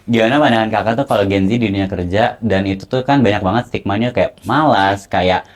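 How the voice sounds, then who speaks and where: Low-voiced male podcast host. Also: fairly quick. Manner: relaxed, loose questions full of fillers. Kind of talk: casual podcast conversation.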